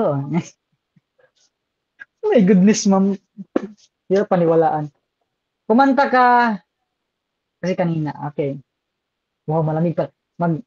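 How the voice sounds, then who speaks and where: A man's voice: high-pitched, dark tone, no room sound, muffled recording. A man with a Filipino accent giving a live online exam review lecture, chatty and switching between languages as he reads out viewer comments.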